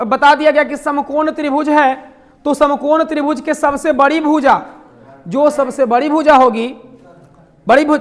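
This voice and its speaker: High-pitched math teacher, keeps asking the class stuff and answering it himself, cracks jokes. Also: male voice. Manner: asks the class questions and answers them himself, with jokes in between. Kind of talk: classroom lecture.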